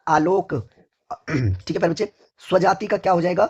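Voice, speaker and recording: Hoarse husky male Hindi teacher. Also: high voice, normal speed. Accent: North Indian Hindi. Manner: asks each question then answers it himself, repeating an endearment for his students. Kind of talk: exam-prep vocabulary lesson.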